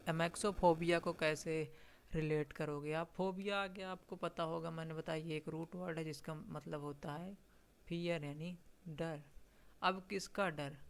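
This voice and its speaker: Patient and steady, a medium-pitched teacher with some vocal fry and a clear, resonant tone works through vocabulary for an exam. She frequently checks that the class is keeping up and reads the English definitions aloud at a very slow pace.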